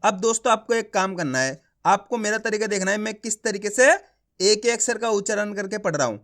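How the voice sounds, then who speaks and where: A male teacher giving a reading lesson, sounding out each syllable slowly and then saying the whole word, coaxing viewers to practise. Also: sits high, lively intonation, fairly bright tone. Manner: addresses viewers as friends, coaxing them to practise.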